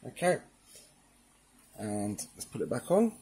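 Speaking at a measured pace, this man has a lowish, sing-song voice with a dark tone and a breathy edge. His clip is a laid-back installation tutorial aimed directly at viewers, whom he addresses as "guys," in an informal demonstration style.

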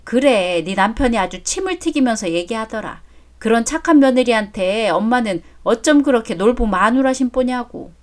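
A woman plays a coarse, blunt, greedy older mother-in-law in a story drama read aloud. She uses a natural, slightly high voice that is expressive and moderately paced, with a softened mood.

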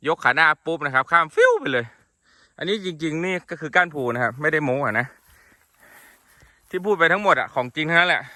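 A man's voice: on the high side, pushed and bright, no room sound, clean studio sound. A man casually narrating a vlog outdoors at a horse paddock, playfully coaxing and teasing his horses and chuckling as he talks. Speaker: horse owner and channel host.

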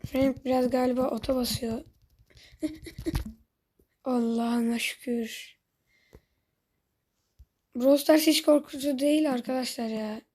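A woman's voice: high voice, steady tone, takes it slowly, long pauses, darkish tone. A woman giving casual commentary on her own gameplay. She breaks into exasperated outbursts, talks straight to her viewers, and sometimes mutters under her breath. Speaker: gaming channel host.

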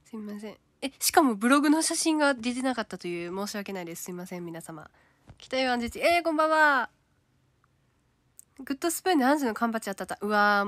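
Chatty Kansai woman, slightly high voice. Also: no echo. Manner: chatty, reads comments aloud, drops to a soft whisper at times. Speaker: idol livestreamer reading viewer comments. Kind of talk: casual livestream chat.

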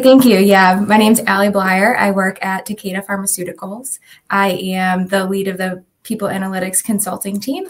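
Upbeat woman introducing herself on a call. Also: mid-range voice. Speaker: people analytics lead, panel guest. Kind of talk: self-introduction on a video call.

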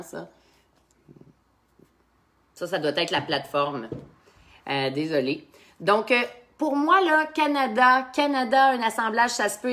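Québécoise lady sommelier running a wine game live, chatty, lots of euh and asides to the viewers. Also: on the low side. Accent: Québécois French. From Quebec. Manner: chatty and animated, with frequent fillers and asides to viewers. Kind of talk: casual live-stream chat.

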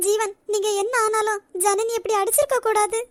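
A very high, close and dry voice for a meek young college girl in a cartoon, voiced by a woman. She speaks softly and apologetically, with a pleading tone and a Nagercoil Tamil accent. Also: fairly even intonation, a little fast, no room sound. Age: young adult. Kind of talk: cartoon voice acting.

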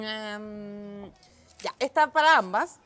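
A woman's voice: mid-range voice, slow pace, a bit bright. A young woman hosting a studio chat, moving it along with short reactive interjections. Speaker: host. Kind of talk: casual chat. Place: TV-style studio set.

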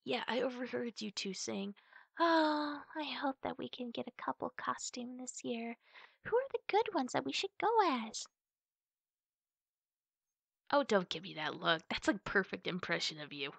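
Through drawn-out words and whispered asides, a woman plays a teasing, affectionate big sister addressing the listener in ASMR roleplay. Her performance is heavily acted and animated, her fairly high voice creaky and husky, with no echo in the recording.

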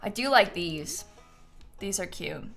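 Slow and a little creaky, this young woman's medium-pitched voice stays animated and slightly bright as she hosts her gaming stream. She giggles close on the mic, chatting playfully and self-deprecatingly with viewers from a small room at home, game music running underneath.

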